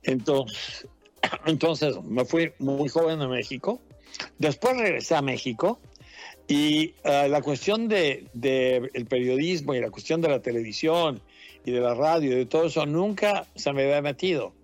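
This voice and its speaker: A man's voice: fairly high pitch, animated, a little slow, soft background music. A man in his fifties, a journalist born in Mexico, telling his story in a casual interview, rambling and laughing often. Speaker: journalist guest. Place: Washington.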